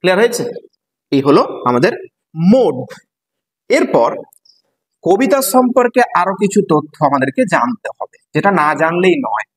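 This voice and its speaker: Male teacher, Bengali accent, husky and slightly high voice, patient classroom explainer who spells terms out. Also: very animated, normal speed, pauses often, poor audio. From West Bengal. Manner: spells words letter by letter, asks students questions. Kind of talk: explaining a poem to students.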